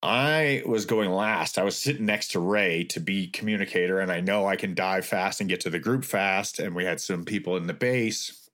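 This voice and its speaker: A man's voice: low voice, moderate pace. A middle-aged man casually telling a long story as an interview guest, acting out quoted lines with a raised voice. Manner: animated, acts out quotes with raised voice.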